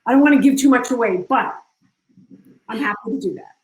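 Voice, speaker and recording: A woman's voice: fairly high pitch, lively intonation, fairly quick, roomy sound, rough recording. A woman leading an online workshop, coaching volunteers in a casual, encouraging way with frequent restarts. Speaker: workshop speaker. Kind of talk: live online workshop talk. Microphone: video call.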